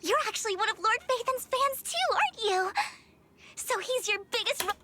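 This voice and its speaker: A woman voicing a secretive young female informant in a game, talking in a hushed whispered role-play voice. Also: normal speed, heavy background noise. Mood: gushing. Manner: hushed breathy whisper, with flights of high excitement. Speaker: video game character.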